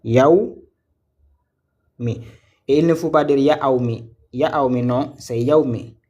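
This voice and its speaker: A man's voice: on the high side, takes it slowly, a little mellow, dull audio. A man teaching a live online reading lesson, patiently repeating syllables and words, asking students questions and praising their answers.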